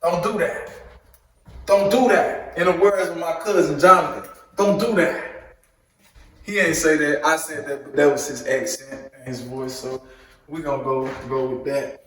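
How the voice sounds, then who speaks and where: A man's voice: a little high, fairly even intonation, moderate pace, pushed and bright, heavy reverb, distant mic, slight background noise, poor audio. A man walking viewers through a recipe in a chatty, joking way, with preachy asides to the audience. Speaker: home cook teaching a recipe. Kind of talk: casual cooking tutorial.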